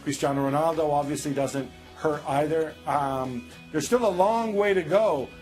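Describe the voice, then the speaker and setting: Man from italy, football pundit, thoughtful, measured, filler-heavy, faint music. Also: on the high side, a little mellow. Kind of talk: casual panel analysis.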